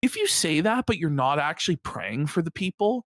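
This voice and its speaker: A man giving loud mocking commentary on a stream, laughing and calling it like a fight. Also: a little high, big pitch swings, normal speed, no echo. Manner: laughing, shouting mock fight-call.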